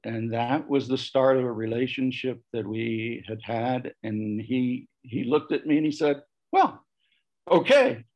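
A man's voice: medium pitch, fairly even intonation, a little slow, few pauses. A man on a discussion panel telling a personal story in a reflective way, shifting his voice when he quotes other people. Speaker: panel guest sharing memories. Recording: muffled lo-fi audio.

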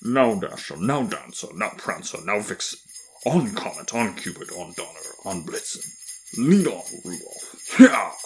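Man voicing a booming, jovial old Santa Claus. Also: big pitch swings, normal speed, creaky, a little hiss or hum, low-quality recording. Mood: rousing, commanding. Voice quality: loud, booming. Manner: jovial, hearty, ho-ho chuckling.

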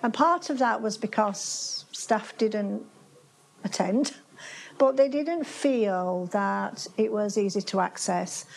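An older woman from Yorkshire, England, gives a chatty conference presentation in a seminar room that has a projector screen, often restarting phrases and using fillers. Her voice is medium in pitch, slow and creaky. There's a little hiss or hum on the recording.

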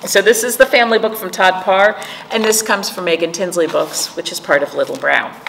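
This children's librarian, a middle-aged woman, leads storytime by reading aloud and asking simple questions of her young audience. Her medium-pitched voice is steady, fairly bright, and a little quick. Seated before a patterned wall in a library room, she's captured in an echoey space with noticeable background noise.

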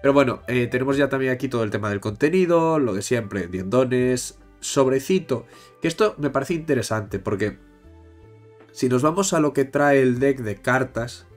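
A man's voice: medium pitch, animated. Congested Spanish man with a blocked nose. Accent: Spain. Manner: pauses to catch breath. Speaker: YouTube host. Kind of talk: casual card-game news commentary. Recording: music behind the voice. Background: music.

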